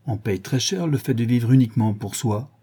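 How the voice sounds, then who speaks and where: A man's voice: mid-range voice, normal speed, mellow, husky. A man voicing a grave, troubled painter with a reproachful tone in a classic novel audiobook.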